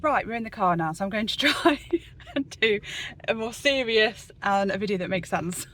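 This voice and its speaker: A woman's voice: mid-range voice, expressive, moderate pace, a bit bright. Chatty woman vlogging on a phone. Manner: chatty, laughs often. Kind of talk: casual vlog to phone camera. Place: hospital corridors, then a car. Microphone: handheld phone.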